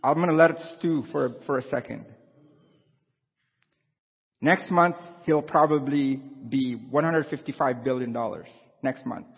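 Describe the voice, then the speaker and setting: A man's voice: mid-range voice, fairly even intonation, normal speed, hardly any pauses, slightly rough. A man, preaching a conversational sermon and asking his congregation questions. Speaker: pastor. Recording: dull lo-fi sound with long hall reverb.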